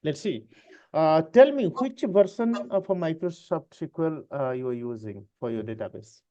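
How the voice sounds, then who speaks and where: A man's voice: on the high side, expressive, normal speed, dark tone. A man with an Indian accent, asking questions as the interviewer in a mock job interview. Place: online video call. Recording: dull lo-fi online call audio.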